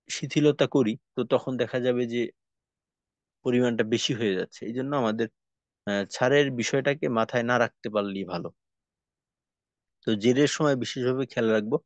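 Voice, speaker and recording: The recording sounds dull and lo-fi, with no echo, and the man's voice is mid-range. He's a tajweed teacher in a recorded class on Quran letter pronunciation, slowly explaining each step before drilling the sounds again and again.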